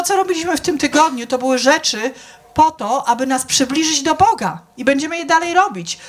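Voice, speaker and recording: A middle-aged woman giving an informal sermon, chatty and conversational, often asking the audience if they follow and acting out the people she quotes. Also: high-pitched. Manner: conversational, keeps checking with the audience; acts out quoted people with shifts in voice. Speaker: church speaker.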